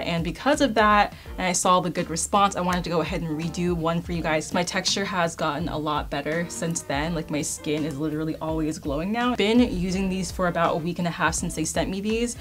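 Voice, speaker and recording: A woman in her late twenties, a beauty vlogger chatting casually and upbeat to her viewers. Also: on the low side. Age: 20s. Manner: chatty, upbeat, addresses viewers as you guys. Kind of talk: casual chat to camera. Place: indoor filming space.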